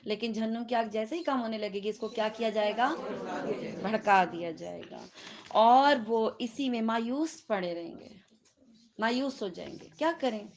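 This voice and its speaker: A middle-aged woman with a Pakistani Urdu accent, lecturing a Quran class and putting questions to her students. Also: fairly high pitch. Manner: questions the students and laughs with them.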